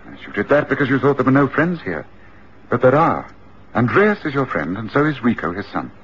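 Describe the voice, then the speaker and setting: An actor playing Sherlock Holmes, a calm, commanding detective who talks in a measured and gently reassuring way. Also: male voice, mid-range voice, husky. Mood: soothing. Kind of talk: radio drama acting. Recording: muffled radio drama recording.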